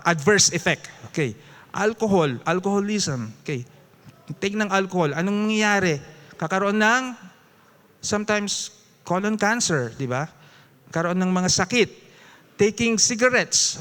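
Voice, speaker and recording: Filipino man, high voice, lively Bible study teacher who chuckles and calls on the congregation. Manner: lively, mixing English into Tagalog, with chuckles and audience prompts. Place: church.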